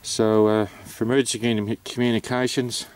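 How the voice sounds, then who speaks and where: A man's voice: mid-range voice, little pitch movement, a little fast, darkish tone, clean tone, rough recording. A man with an Australian accent giving an informal, matter-of-fact explanation, hesitant and unscripted as he goes. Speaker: amateur radio operator presenting.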